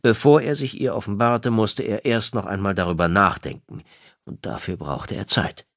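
A man narrating an audiobook with an expressive, dramatic reading. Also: fairly low pitch, moderate pace, vocal fry, dry recording, clean studio sound. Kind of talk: scripted narration.

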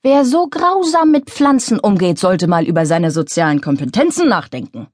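A woman's voice: medium pitch, very animated, moderate pace, a little mellow, no echo, clean studio sound. A woman voicing a snide, venomous female office colleague who swears by astrology.

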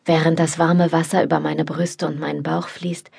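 A woman narrating an erotic novel in the first person, in calm, intimate storytelling. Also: low-pitched, moderate pace, gravelly, breathy edge. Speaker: audiobook narrator.

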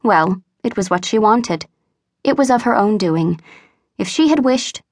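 A woman reads a classic storybook aloud in an even, mid-pitched voice, measured and expressive. The recording is close and dry, like a booth. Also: no echo. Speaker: audiobook narrator. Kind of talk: scripted storybook narration.

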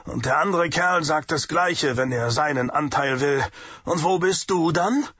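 A man's voice: on the high side, unhurried, a bit bright, husky, no echo, pitched above the performer's own voice. A man voicing a harried middle-aged diner owner who grumbles and pleads, in a dull lo-fi audiobook recording. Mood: pleading.

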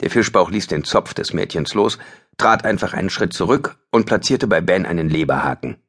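A man's voice: sits low, lively intonation, moderate pace, fairly bright tone, husky. A man narrating a thriller audiobook in a tense, dramatic scripted reading.

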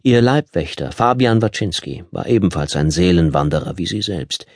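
A man narrating an audiobook in a calm, measured way, recorded in a studio. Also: low-pitched, no echo. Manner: ruhig, gemessen erzählend. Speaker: Hörbuchsprecher. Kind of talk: scripted narration. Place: Tonstudio.

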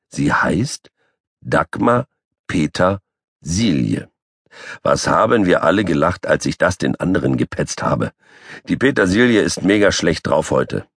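A man's voice: rumbling low, breathy edge, no room sound, clean studio sound. A man narrating a children's audiobook as a boastful, grumpy three-legged tomcat. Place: recording studio. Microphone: close studio mic.

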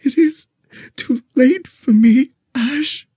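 A man voicing a dying young woman who speaks in a weak, breathy voice. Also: very high voice, very slow, mellow, no room sound, voice pushed up, heavily acted. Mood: weak tender.

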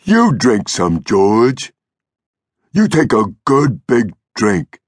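Audiobook role: man performing simple-minded big American farmhand, childlike, halting, animated in pitch, dry recording. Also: husky, no room sound, full character voice. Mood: eager, happy. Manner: slow, halting, naive rural American speech.

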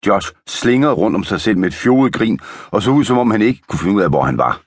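Deep-voiced male audiobook narrator. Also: lively intonation, breathy edge, no echo.

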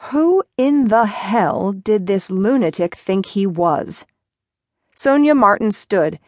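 A woman narrating a romance audiobook in a measured, even storytelling manner. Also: mid-range voice, dry recording, studio quality.

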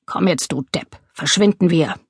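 A woman's voice: fairly low pitch, normal speed, breathy edge, no room sound, clean studio sound. A woman voicing a cold, callous male burglar leader who gives curt, contemptuous orders.

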